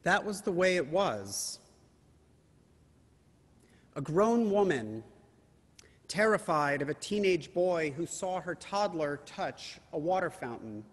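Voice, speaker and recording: High-voiced rabbi preaching in a reverberant hall. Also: male voice, animated, slow pace, pauses often. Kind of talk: sermon.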